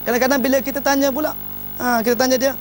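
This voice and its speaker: A man's voice: very high-pitched, fairly even intonation, rapid-fire, slight background noise. A man gives an informal advice talk on marriage. He speaks emphatically and often opens his lines with "ha".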